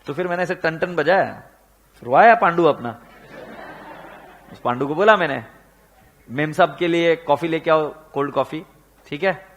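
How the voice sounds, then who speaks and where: A man with an Indian accent teaching accounts, telling animated anecdotes and acting out the people in them, with rhetorical questions to his students. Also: fairly high pitch, moderate pace, pauses often. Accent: Indian, Pune area. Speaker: accounts lecturer. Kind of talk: storytelling lecture mixing Hindi and English.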